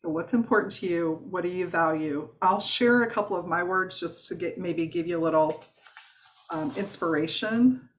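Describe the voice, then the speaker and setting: A woman's voice: lowish voice, moderate pace. A woman with a Southern accent leading a live online workshop as a wellness coach, chatty and encouraging, with fillers and restarts.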